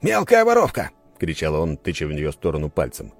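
A man narrating a first-person story in an expressive storytelling manner. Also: rumbling low, fairly quick, dry recording, soft background music. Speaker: audiobook narrator.

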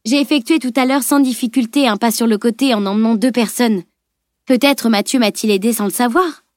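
A woman's voice: a little high, brisk, no room sound, studio quality, lightly acted. A woman reading an audiobook, voicing a confident teenage heroine who speaks eagerly and reassuringly.

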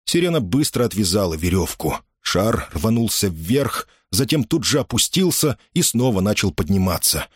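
A man narrating a dramatic story as an audiobook in a measured, expressive way. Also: fairly low pitch, husky, no room sound, clean studio sound.

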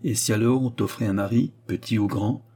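A gentle, hesitant father, voiced by a male reader, speaks softly and with embarrassment to his daughter. His voice is warm, husky and mellow in this audiobook scene. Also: lowish voice, steady tone, a little fast. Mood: tender. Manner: mild, embarrassed, timid. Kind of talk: audiobook character reading.

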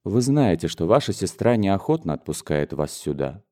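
A man reading an audiobook, voicing a brooding, bitter young gentleman in a low, restrained voice. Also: big pitch swings, normal speed. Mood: grave. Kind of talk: audiobook character voice.

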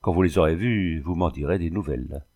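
A man's voice: low voice, fairly quick, dark tone, pitched below the performer's own voice. Man doing a coarse, mocking bandit sailor. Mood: gruff mocking. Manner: rough, mocking, colloquial. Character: coarse boastful male backwoods bandit sailor.

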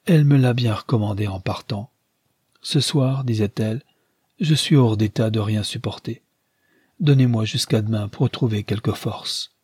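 A man voicing a gentle, sorrowful old man in an audiobook reading. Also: on the low side, slightly rough, no room sound. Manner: sorrowful, measured.

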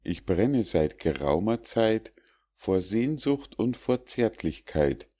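A man voicing a sly, flattering male fox, an old hypocrite, in a storybook fable reading. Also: on the low side, takes it slowly, voice pushed up, exaggerated voice. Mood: wheedling. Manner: honeyed, ingratiating.

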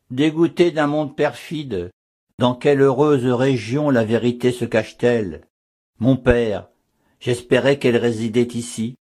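A man's voice: mid-range voice, darkish tone. A man reading a reproachful young woman disguised as a novice in an audiobook. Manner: pleading, reproachful.

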